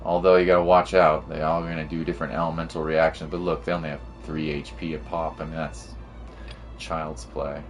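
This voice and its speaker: Rumbling low and level in tone, a streamer speaks at a brisk clip while playing a game for his audience. His commentary is casual and full of slang, musing to himself, over background game music.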